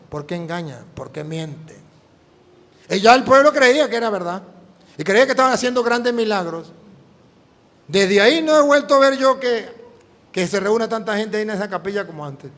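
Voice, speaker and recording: A man preaching a sermon as a priest, telling a story in a lively way and acting out the dialogue. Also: high-pitched. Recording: long hall reverb.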